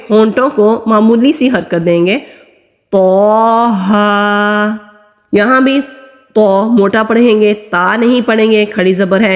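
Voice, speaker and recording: Woman teaching how to say letters, patient and slow, mid pitch, lots of reverb like a hall. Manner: explains sounds patiently, then recites letters slowly and drawn out. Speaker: Quran reading teacher. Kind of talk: step-by-step recitation lesson.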